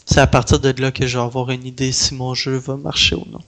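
Man with a Québécois French accent, mid pitch. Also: little pitch movement, fast, vocal fry, a bit bright. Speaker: interviewee, independent game developer. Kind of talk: casual conversation.

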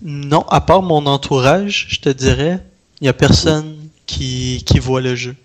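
A man's voice: medium pitch, unhurried. A man with a Québécois French accent, talking casually as an interviewee about his own work. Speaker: interviewee, independent game developer. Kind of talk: casual conversation.

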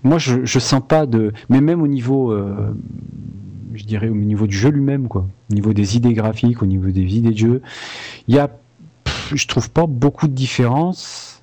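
A man's voice: mid-range voice, normal speed, mellow. A man, a video game composer, talking frankly and casually in an interview, with many restarts.

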